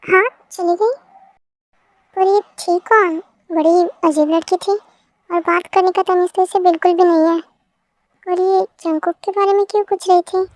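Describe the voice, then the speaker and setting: A gentle young wife from a homemade fan dub, voiced by a woman. She speaks softly and reassuringly in a very high voice. It sounds like an amateur reading. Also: steady tone, measured pace, dry recording. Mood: puzzled.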